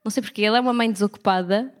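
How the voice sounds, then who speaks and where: A woman's voice: mid-range voice, racing. A woman with a European Portuguese accent, co-hosting a podcast in casual, blunt, teasing banter. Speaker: podcast co-host. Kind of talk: casual chat.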